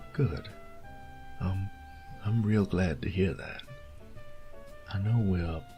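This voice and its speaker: In an intimate scripted audio roleplay addressed to the listener, a man plays a boyfriend with a low, creaky voice. Tender and doting, he drawls, teases and coaxes in breathy near-whispers.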